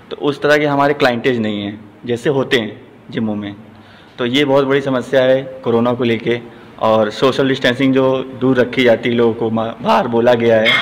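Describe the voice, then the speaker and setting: A middle-aged man who owns a gym, answering a news reporter's questions in a plain, steady way and often saying "ji". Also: mid-range voice. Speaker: gym owner and trainer. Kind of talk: news interview. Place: large indoor gym. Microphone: handheld news mic. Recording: long hall reverb, faint noise.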